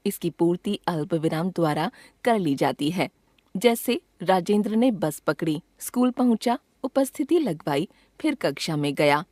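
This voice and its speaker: A woman reading a grammar textbook lesson aloud in a measured, even way, pausing clearly after each item. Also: fairly low pitch, no room sound. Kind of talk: scripted lesson narration.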